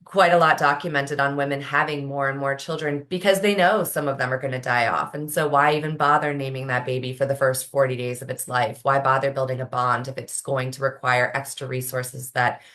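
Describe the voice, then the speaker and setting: A woman's voice: extremely low pitch, fairly even intonation, brisk, hardly any pauses, fairly bright tone. A woman panelist speaking earnestly and fluently on an online panel, using rhetorical questions. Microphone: video call.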